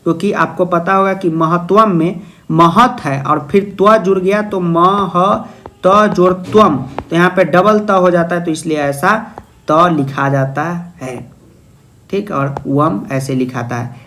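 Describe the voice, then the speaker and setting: A young male tutor works through a Sanskrit exam paper. His voice sits notably high, and his manner is playful and teasing. He keeps asking questions and then answering them as if he were a student. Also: a little slow, a bit bright, a little hiss or hum. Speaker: Sanskrit teacher. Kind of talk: exam-prep video lesson.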